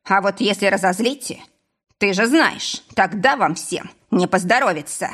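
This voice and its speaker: A woman's voice: mid-range voice, animated, normal speed. Woman doing a menacing male boss. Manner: threatening, mock-sweet and shouting. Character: menacing middle-aged male boss, villain.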